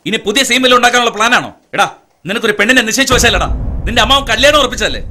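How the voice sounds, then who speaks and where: A domineering middle-aged police commissioner in a dubbed film, sneering and blustering at everyone around him. His voice is bright and sharp, fairly high for a man, and he fires his words off very fast over a film score. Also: slight background noise, heavily acted. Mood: scornful. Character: arrogant hot-tempered middle-aged police commissioner father.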